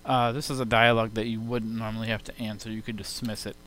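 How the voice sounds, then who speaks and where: A software demonstrator talks fast in a fairly low, slightly bright voice with little pitch movement. He walks through the steps informally, explaining as he goes, and the audio is hissy home computer sound-card input.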